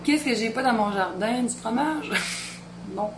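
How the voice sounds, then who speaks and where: A woman's voice: a little high, animated, unhurried, noisy background. Chatty Quebec woman in an echoey kitchen. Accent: Beauce Quebec French. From Quebec, Beauce region. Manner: chatty, rambling, talks to family off camera. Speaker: home cooking vlogger. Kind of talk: casual kitchen chat. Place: home kitchen.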